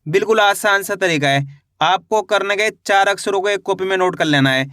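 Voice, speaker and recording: High, bright-voiced reading teacher man. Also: no room sound, studio quality. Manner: repetitive call-and-response drilling, drawn-out model words. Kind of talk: classroom-style video lesson.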